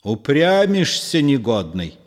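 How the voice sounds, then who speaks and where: A fierce, swaggering swordsman-poet, as a man reads him aloud, scornful and threatening. He drawls his insults slowly in an audio-play reading. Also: mid-range voice, sing-song. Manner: scornful, threatening, mocking politeness.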